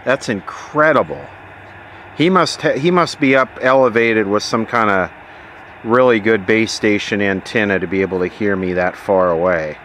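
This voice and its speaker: A lowish, fairly bright male voice at normal speed belongs to an American vlogger testing a vintage CB radio. He sits at an outdoor table, chatting casually in a wry, plainspoken way, with faint noise behind him.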